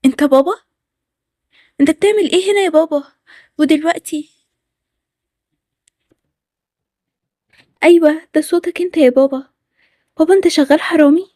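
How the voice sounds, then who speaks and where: A woman's voice: high-pitched, fast, long pauses, dark tone, no room sound, studio quality, lightly acted. A woman with an Egyptian accent voicing an earnest young girl who learns her father is a thief, in a Toca Boca story. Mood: shocked. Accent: Egyptian Arabic.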